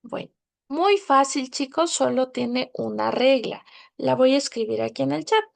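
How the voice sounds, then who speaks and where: A woman's voice: high-pitched, unhurried, gravelly. A woman teaching a language class online, patiently repeating words and checking that students follow.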